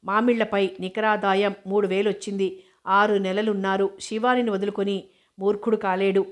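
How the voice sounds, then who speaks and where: A woman reading a novel aloud as an audiobook narrator, steady and even, with an occasional restart of a word. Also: medium pitch, normal speed.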